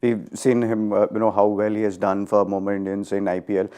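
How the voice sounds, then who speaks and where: A man giving cricket analysis on a panel, measured and peppered with "you know". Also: lowish voice, completely flat delivery, mellow, clear, resonant tone.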